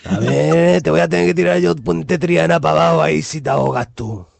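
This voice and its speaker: A man voicing a touchy tough guy from a rough Sevillian neighborhood, with a put-on Sevillian accent, blustering and threatening. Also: fairly high pitch, fairly quick, dry recording. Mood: indignant. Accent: Sevillian Andalusian, put on.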